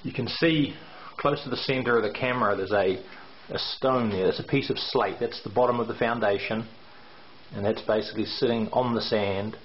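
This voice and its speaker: Speaking with a lowish voice at normal speed, a middle-aged renovation contractor leads a video tour of a house under renovation, hesitantly explaining construction details with lots of fillers. He's indoors in a bare brick basement using a handheld camera mic, and the sound is echoey, dull, and lo-fi with a faint hiss.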